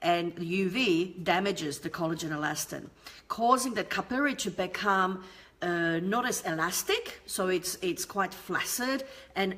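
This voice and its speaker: A woman in her forties, a beauty therapist, talks through skincare on a live stream, her voice lowish with a fairly bright tone. She sits at her desk webcam in a home room with a lamp and shelf, her explanations full of ums and fresh starts.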